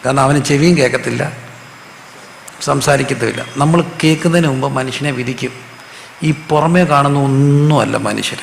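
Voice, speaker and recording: A man's voice: mid-range voice, moderate pace, creaky. A male pastor, preaching a sermon and calling out questions for the congregation to answer back. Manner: asks the congregation questions and has them repeat answers. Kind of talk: call-and-response sermon. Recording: roomy hall reverb, faint noise.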